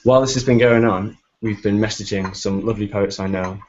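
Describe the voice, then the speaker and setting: Deadpan low-voiced man reading poetry. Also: a little fast, muffled recording. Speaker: poet and host. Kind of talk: poetry reading and casual chat.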